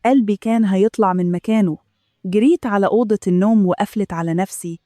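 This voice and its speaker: A woman with an Egyptian accent narrating a first-person story in a steady, measured way. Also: medium pitch, no room sound. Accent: Egyptian Arabic.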